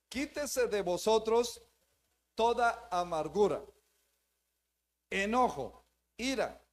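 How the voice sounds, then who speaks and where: High-voiced man preaching a sermon. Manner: emphatic, repeats phrases, addresses the congregation as brothers. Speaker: pastor. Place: church, before a live congregation.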